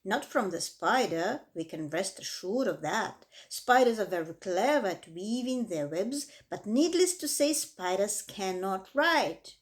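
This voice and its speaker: A woman reading a children's book aloud with expressive, dramatic emphasis. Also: mid-range voice, a little slow, hardly any pauses. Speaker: reader. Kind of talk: storybook read-aloud.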